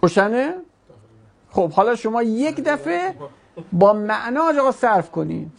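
A woman's voice: on the high side, big pitch swings, vocal fry. A woman teaching an Arabic grammar class, patiently explaining step by step with examples. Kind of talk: online class, explaining verb conjugation.

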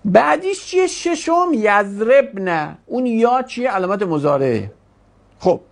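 Animated, gravelly-voiced grammar teacher. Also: medium pitch. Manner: questioning, drawn-out explaining. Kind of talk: classroom grammar lesson.

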